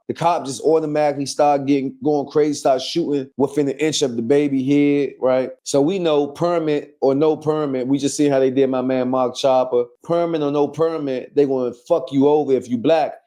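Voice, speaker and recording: Blunt profane man, dark voice. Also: on the high side, fairly even intonation, normal speed, few pauses. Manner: blunt and profane, rambling with fillers. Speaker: podcast host. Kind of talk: casual chat.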